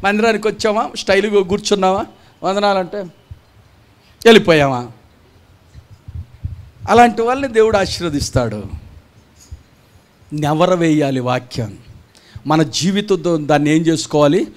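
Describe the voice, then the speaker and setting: A pastor delivers a gospel sermon to a church gathering, berating listeners with rhetorical questions and mimicking churchgoers' voices to ridicule them. He sits high in pitch. His speed is normal, broken by long pauses.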